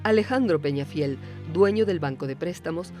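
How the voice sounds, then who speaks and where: Low-voiced woman narrating a documentary. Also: music in the background. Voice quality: measured, even delivery of figures and facts.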